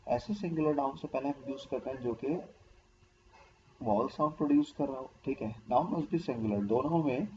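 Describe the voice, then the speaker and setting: A man's voice: medium pitch, normal speed, mellow, a little hiss or hum, rough recording. A man teaching a grammar lesson, explaining patiently and stopping often to check that the listener follows. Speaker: English teacher.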